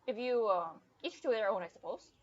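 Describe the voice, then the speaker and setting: A woman streamer chats casually through live game commentary, reacting aloud to the game and her chat over background game music. Her voice is on the high side, lively and brisk, and the audio sounds dull with slight background noise.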